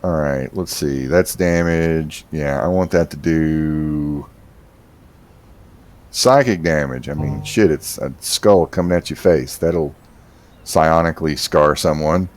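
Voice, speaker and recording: Male gamer in his 30s, deep and unhurried, rambling commentary with filler words. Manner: rambling, swears casually, frequent fillers and laughs. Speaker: streamer. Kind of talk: casual gameplay commentary.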